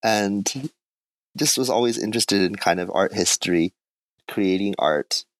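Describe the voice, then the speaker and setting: The guest, a man raised in Japan, discusses his art in a casual interview, thoughtful and soft-spoken, with small modest laughs. He speaks a little slowly at a fairly low pitch. The recording is dry, with poor audio.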